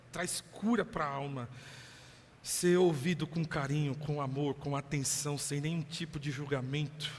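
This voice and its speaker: A male Brazilian pastor giving a lively sermon, acting out voices with laughing asides. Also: a little high, slight background noise. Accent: Brazilian Portuguese. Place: church hall. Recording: long hall reverb.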